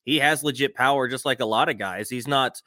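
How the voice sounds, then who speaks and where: A sports podcast co-host talks through his analysis in an easy, conversational way, fairly quick and with a sharp tone. His voice is medium-pitched, and the recording is dry with no room sound.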